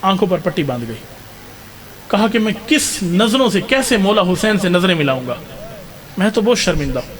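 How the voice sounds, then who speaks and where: A man's voice: high voice, sing-song, fairly bright tone. A man preaching a mourning sermon at a religious gathering, telling the story with emotive, rising cries in the quoted speech. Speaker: Shia preacher. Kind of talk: Muharram majlis sermon, dramatic storytelling. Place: mosque hall during a religious gathering.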